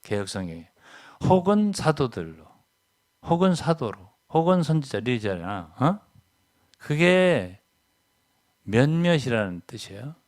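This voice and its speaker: An older man preaching a sermon as a pastor, emphatic, often checking in with the congregation with a quick question. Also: sing-song. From South Korea. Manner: emphatic, keeps asking "예?" to the congregation; swings between loud stresses and low asides.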